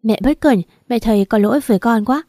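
A woman's voice: fairly high pitch, fairly quick, dark tone, no room sound, studio quality, close to an everyday voice. A woman voicing a talkative, fussing middle-aged mother-in-law in a read-aloud story. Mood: apologetic. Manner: chatty, fussing, laughing easily.

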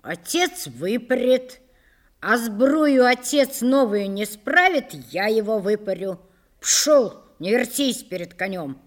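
A woman reading the part of a gruff, scornful armored boyar in an audiobook, whose lines come out harsh and scolding. The voice stays somewhat high. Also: animated, slow pace.

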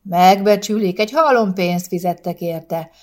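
A woman voicing a calm older husband who teases his wife dryly and tries to placate her. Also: medium pitch, natural voice. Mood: teasing. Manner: mild, dryly teasing, placating. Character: calm, teasing older husband doing a crossword.

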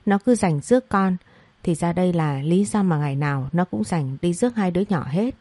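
A woman's voice: on the low side, expressive, brisk, mellow, dry recording. A woman voicing a young wife in an audio story who is a panicked, sobbing best friend, flustered and tearful.

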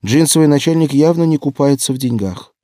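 An earnest, impulsive young woman detective, put on by a male audiobook reader, pushes her words up high and eager. The voice is dark and mellow underneath, recorded dry and close. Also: expressive, brisk, no room sound, lightly acted. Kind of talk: audiobook character voice.

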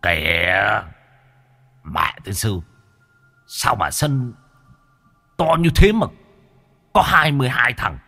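A man's voice: fairly low pitch, expressive, takes it slowly, gravelly, long pauses, pushed and bright, soft background music, exaggerated voice. A man voicing an old male ghost who hollers and grumbles like a football fan. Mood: grumbling.

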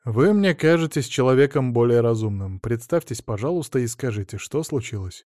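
A man's voice: medium pitch, expressive, brisk, darkish tone, no echo, lightly acted. Man reading a dry ironic detective. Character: calm ironic male police detective. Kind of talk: audiobook character voice.

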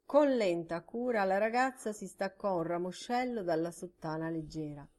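A woman's voice: fairly low pitch, moderate pace, a little mellow. Woman reading a literary audiobook. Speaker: audiobook narrator.

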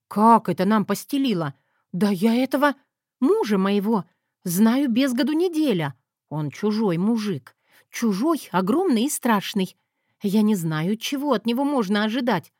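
A woman narrating a first-person audiobook in a soft, confiding manner. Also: on the high side, dry recording, studio quality.

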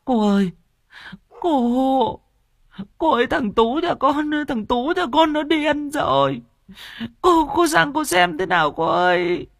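A man voicing a frantic middle-aged village woman who begs through tears in a shrill wail. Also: big pitch swings, takes it slowly, vocal fry, fairly bright tone, dry recording, studio quality, exaggerated voice. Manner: shrill wailing pleas. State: crying.

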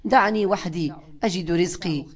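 A woman's voice: fairly low pitch, normal speed, natural voice. A woman voicing a bitter blind young man, a beggar, who answers in curt, resentful lines in an audiobook.

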